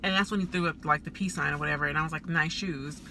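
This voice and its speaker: A woman's voice: low-pitched, fairly even intonation, racing, creaky, sharp tone, a little hiss or hum. A woman, a psychic, telling a story in a casual storytime vlog while she eats. She is chatty and fills nearly every phrase with "like.". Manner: chatty, heavy use of "like" fillers; eating while talking.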